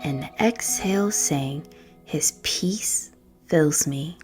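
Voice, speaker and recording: Gentle and hushed, a woman with a low voice leads a meditation by reading a prayer script over music. She keeps her phrasing measured and her tone soothing throughout.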